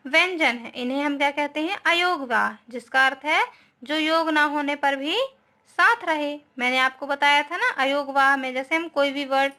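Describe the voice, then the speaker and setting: A woman's voice: high voice, moderate pace, pushed and bright. A woman teaching a grammar class to students, explaining patiently and often checking understanding with tag questions, mixing English words into her speech. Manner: mixes English words into Hindi. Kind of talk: online class lesson.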